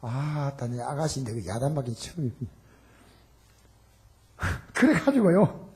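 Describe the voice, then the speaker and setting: Animated, very clear pastor preaching. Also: male voice, mid-range voice, measured pace. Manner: animated storytelling, acting out shouted quotes. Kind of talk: sermon with personal story. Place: church sanctuary.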